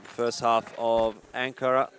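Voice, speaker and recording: A man's voice: medium pitch, little pitch movement, takes it slowly, fairly bright tone, slight background noise. A man commentating live on an esports match as a caster, explaining the play, with crowd and game gunfire behind him.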